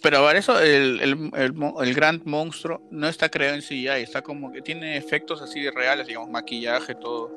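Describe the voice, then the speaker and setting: A man casually retelling a horror film's plot as a podcast co-host, animated, with sound effects and filler words. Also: a little high, brisk, few pauses, a little hiss or hum. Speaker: podcast co-host recapping a film. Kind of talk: casual chat.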